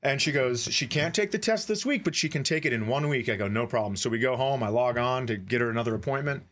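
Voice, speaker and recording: This podcast co-host, a middle-aged American man, moves at a quick pace with an animated, medium-pitched and somewhat bright voice. He tells funny stories in a casual, wry, profane way, performing the dialogue.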